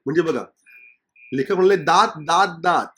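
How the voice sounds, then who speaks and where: A man's voice: fairly high pitch, normal speed, fairly bright tone. A male teacher explaining a Marathi textbook lesson, reading passages aloud and acting out the dialogue lines.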